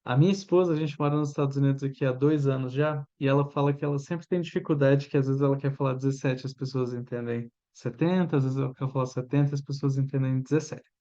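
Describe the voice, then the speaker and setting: A Brazilian man in his thirties with a Brazilian Portuguese accent, an English teacher giving a chatty lesson and drilling pronunciation with slow repeats. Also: mid-range voice, steady tone, warm tone, highs cut off. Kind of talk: informal language lesson.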